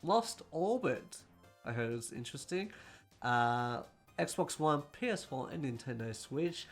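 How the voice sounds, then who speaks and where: A man hosting a casual gaming news roundup, talking quickly and correcting himself as he goes. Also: medium pitch, expressive, faint music behind.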